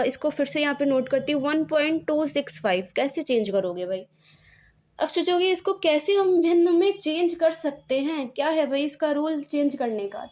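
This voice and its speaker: A woman's voice: sits high, darkish tone. A woman teacher explaining decimal numbers step by step in an exam-prep video lesson, with frequent checks and small fillers. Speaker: maths teacher.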